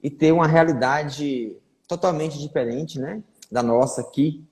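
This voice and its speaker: A neurologist hosts a casual live-stream interview, chatting away and frequently tagging his sentences with little check-ins, repeating fillers like "né". His voice is fairly high, unhurried and a little mellow. The room is echoey with long reverb.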